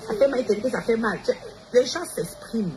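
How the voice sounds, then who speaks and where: A woman's voice: on the high side, lively intonation, fast talker, a little mellow. A woman, ranting defiantly on a livestream and calling out her rivals directly. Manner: defiant, addresses rivals directly with repeated challenges. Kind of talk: confrontational livestream rant. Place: Montreal. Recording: noisy background ambience.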